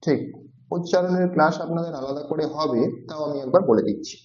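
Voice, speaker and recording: A brisk man with a slightly high, slightly mellow voice is teaching a language class. He patiently explains each sound, repeating it several times as a demonstration. It's a classroom lecture, and the recording comes across roomy and dull.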